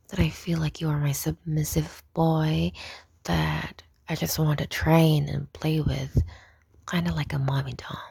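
A young woman whispering close to the mic in an intimate roleplay, soft, coaxing and dominant. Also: sits low, creaky, husky, no room sound. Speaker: audio roleplay performer.

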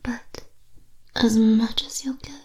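Woman doing a flirty witch hypnotist for ASMR roleplay, higher whispered voice, unhurried delivery. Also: steady tone. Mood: coaxing. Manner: soft whispering, slow repetitive coaxing.

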